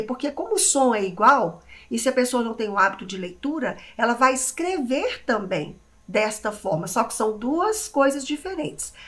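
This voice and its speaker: A Brazilian woman in her forties teaching an English lesson online, talking chattily and directly to her students. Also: a little high. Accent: Brazilian Portuguese. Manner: lively, chatty, talks straight to her students.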